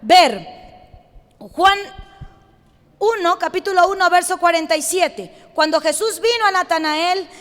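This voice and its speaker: A woman pastor from Mexico preaching a sermon, calling out to her congregation with emphatic shouted lines. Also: very high voice, animated, unhurried, pauses often, long reverb tail.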